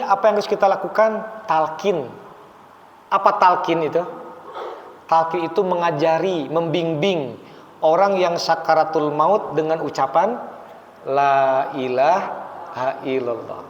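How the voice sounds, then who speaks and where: Man, religious teacher, patient explaining, slow Arabic recitation, long hall reverb. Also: high voice, slight background noise. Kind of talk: mosque class on funeral rites. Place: mosque hall. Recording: echoey hall, dull lo-fi sound.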